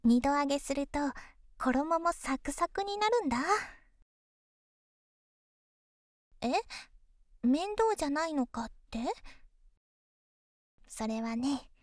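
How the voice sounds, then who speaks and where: A woman voicing an affectionate, teasing young girlfriend in an ASMR ASMR role-play, soft and coaxing, intimate pillow talk. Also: high voice, lively intonation, a little slow, pauses often, no room sound, clean studio sound. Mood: playful, affectionate.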